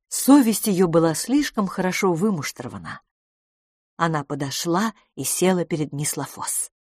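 A woman narrating an audiobook in a measured, expressive reading style. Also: lowish voice, no echo, studio quality. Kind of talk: scripted narration.

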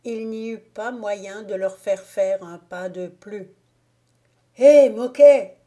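A woman narrating a classic novel as a volunteer audiobook reader, in a slow, measured, soft-spoken way. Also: mid-range voice, steady tone. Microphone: home recording, volunteer reader.

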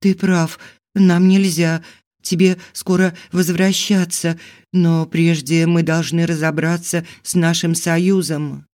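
A man's voice: a little high, level tone, takes it slowly, a little mellow, voice pushed up. A man reading an audiobook, voicing a fierce, stubborn young woman heroine with commanding, indignant outbursts. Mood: resolute.

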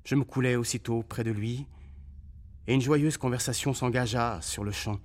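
A man giving an expressive, dramatic reading of a war memoir for radio, voicing the sounds of shells and cries. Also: medium pitch, normal speed. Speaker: reader on a radio documentary.

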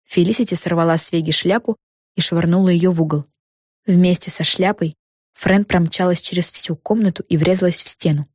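A woman reading a children's book aloud with lively, expressive storytelling. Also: on the low side, a little fast, breathy edge, no echo, studio quality. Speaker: audiobook narrator. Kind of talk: scripted narration.

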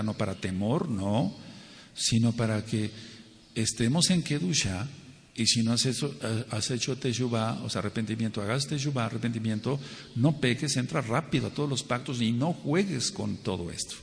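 A man teaching a Torah sermon, asking rhetorical questions and repeating phrases for stress. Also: mid-range voice. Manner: acts out quoted people with a raised voice. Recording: long hall reverb.

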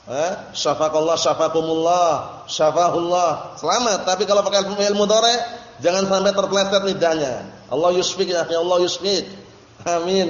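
High-voiced man teaching in echoey hall. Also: dull audio. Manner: explains terms patiently, often checking if listeners understood. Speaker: religious teacher. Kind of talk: Islamic study lecture.

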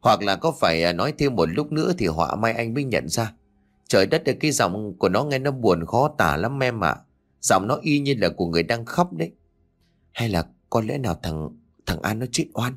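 A shaken young farmer speaks in a troubled, halting way, as a man reading the story plays him. The voice is low with a lively, moving pitch. He belongs to a spoken ghost-story audiobook. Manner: troubled, hesitant. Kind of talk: audiobook character voice.

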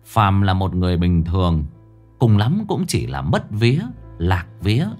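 A man narrating a ghost story as an expressive storyteller. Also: low-pitched, normal speed. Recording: soft background music.

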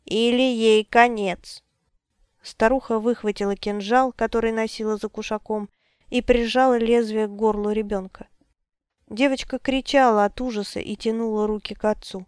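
Woman audiobook narrator, measured and dramatic; fairly high, smooth voice. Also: steady tone, darkish tone, no room sound, clean studio sound.

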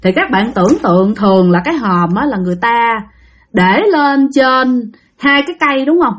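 A woman narrates a spooky tale as if chatting with friends. She speaks directly to her listeners and repeats lines for emphasis. Her voice is fairly high and swoops up and down expressively. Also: expressive, normal speed. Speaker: storyteller. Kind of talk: conversational ghost story narration.

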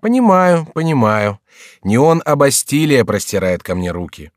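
A man's voice: medium pitch, big pitch swings, moderate pace, no echo, clean studio sound, voice pushed up, natural voice. A man reading aloud, voicing a wary, resentful young prince who answers his mother with guarded bitterness.

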